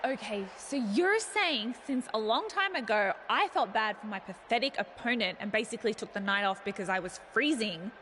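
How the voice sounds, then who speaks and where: A woman's voice: high-pitched, a bit bright, slight background noise. A woman voicing a cocky, boastful young wrestler, talking in a smug, mocking way. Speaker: talk show co-host in a wrestling game.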